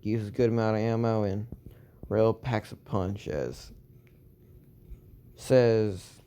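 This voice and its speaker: Guy making up a fan story as he goes, rambly, lots of likes, low smooth voice. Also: steady tone, slow pace, dark tone. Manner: rambling, filled with "like" and restarts.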